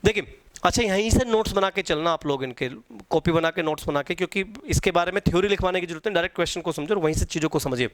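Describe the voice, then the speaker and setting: A man's voice: high voice, quick pace, no room sound. A man teaching an exam-prep lecture. He repeats key points and quizzes his students.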